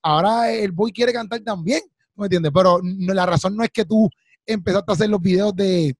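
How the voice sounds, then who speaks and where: A host in his 30s runs a casual interview chat, eager and affirming and repeating his words. He has a high voice at normal speed, recorded dry on a studio mic with headphones.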